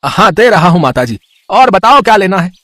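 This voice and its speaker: A man's voice: high voice, sing-song, fairly quick, fairly bright tone, dry recording, voice pushed up. A man voicing a grumbling street vegetable seller in a cartoon.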